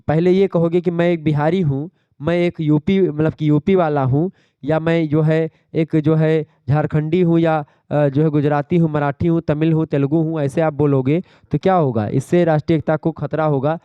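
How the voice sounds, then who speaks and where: A man's voice: on the high side, mellow, clear, resonant tone, no echo, lo-fi sound. A male teacher giving an exam revision lecture, explaining terms step by step and checking that his students follow.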